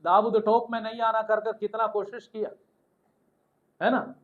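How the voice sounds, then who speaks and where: High-voiced male preacher, lo-fi sound. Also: little pitch movement, measured pace. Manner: call-and-response preaching, rising to shouts of hallelujah. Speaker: pastor. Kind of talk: sermon.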